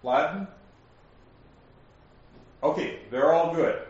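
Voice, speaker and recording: A man teaching a Bible study, explaining verses slowly and asking his class questions. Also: on the high side, a little mellow. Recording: echoey room, distant lo-fi mic.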